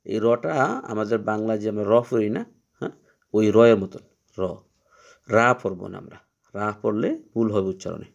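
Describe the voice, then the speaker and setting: A man teaching Quran reading, explaining each letter patiently and repeating its sound slowly three times. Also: on the low side, fairly even intonation, gravelly, darkish tone, muffled recording. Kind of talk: step-by-step letter lesson.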